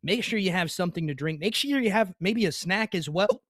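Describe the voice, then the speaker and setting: A man's voice: high-pitched, animated, a little fast, fairly bright tone, no room sound, studio quality. A young man casting an esports match play-by-play, chatting to his stream viewers and apologizing for a bout of hiccups. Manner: hiccuping, apologetic asides to chat. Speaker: esports caster. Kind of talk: play-by-play commentary.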